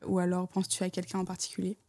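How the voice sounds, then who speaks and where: A woman's voice: on the low side, monotone, racing, mellow. A woman co-hosting a challenge video, talking in casual, playful banter and teasing her partner.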